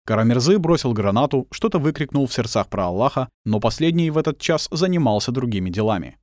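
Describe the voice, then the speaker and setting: Expressive male audiobook narrator. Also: medium pitch, fast, no room sound, clean studio sound.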